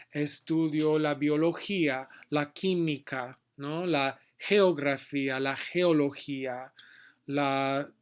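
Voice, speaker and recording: A man giving a casual language lesson, modeling short phrases slowly and switching between two languages. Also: on the high side. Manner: slow, deliberate modeling of phrases, switching between Spanish and English. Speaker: Spanish teacher.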